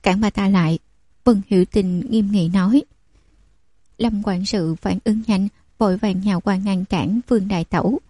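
A woman narrating an audiobook with steady, even storytelling. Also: medium pitch, no echo.

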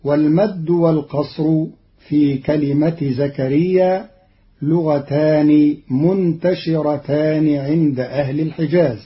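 A man giving a scripted radio explanation of Quran readings in a measured, deliberate and formal way. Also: a little high, steady tone. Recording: dull lo-fi radio archive.

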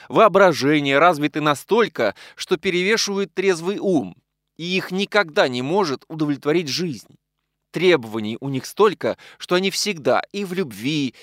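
A man reading an audiobook, voicing a kind, modest middle-aged gentleman who speaks in a calm, reasoning, gently persuasive way. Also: on the high side, dry recording, studio quality, pitched above the performer's own voice.

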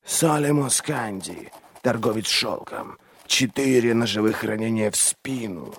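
A man voicing a stern crippled male inquisitor who questions prisoners slowly and coldly. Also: lowish voice, breathy edge, no room sound. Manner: slow, cold, deliberate questioning.

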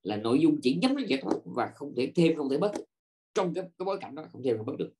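A man's voice: a little high, very animated, fast talker, noisy background. A middle-aged man, a Buddhist monk, giving a dharma talk to a live audience, digressive and full of fillers and restarts.

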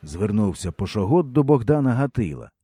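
A man narrating a historical novel as an audiobook in an expressive, measured storytelling manner. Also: on the low side, slightly rough, no echo, clean studio sound.

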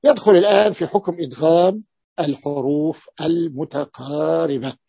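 A man teaching a grammar lesson, explaining a text and slowly repeating his examples to the class. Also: on the high side, creaky, breathy edge, no echo. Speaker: teacher of Arabic morphology. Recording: dull, dry lo-fi recording.

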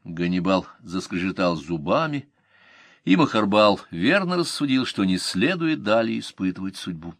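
Low-voiced expressive male narrator. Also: normal speed, no echo, studio quality. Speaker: audiobook narrator. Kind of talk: literary audiobook narration.

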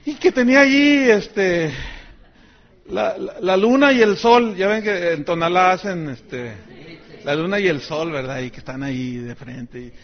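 Mexican pastor, middle-aged man, high voice, joking storytelling sermon, dull lo-fi recording. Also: unhurried. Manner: chatty and joking, acting out quoted voices. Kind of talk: sermon with personal anecdotes.

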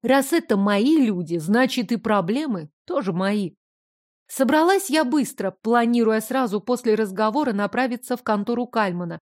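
A woman narrating an audiobook in the first person, with lively, expressive storytelling. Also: on the high side, normal speed.

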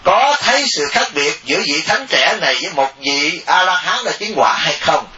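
Bright-voiced monk doing a dharma talk, jokey, kinda dull lo-fi sound. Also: male voice, on the high side, moderate pace. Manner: animated, jokey, mimics laypeople. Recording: distant echoey lo-fi recording.

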